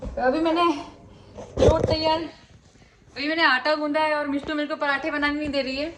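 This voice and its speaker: A woman's voice: sits high, flat delivery, normal speed. A woman from India, a mom vlogger, chatting casually at home about her daily routine. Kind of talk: casual home vlog narration. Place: home kitchen. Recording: echoey room with background noise.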